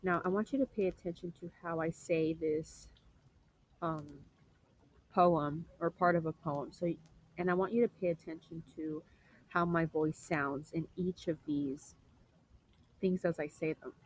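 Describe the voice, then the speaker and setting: A young woman presenting a literature lesson for a class, explaining step by step, rephrasing often and clearing her throat now and then. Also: sits low, steady tone, a little slow, poor audio. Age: young adult. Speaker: student presenter.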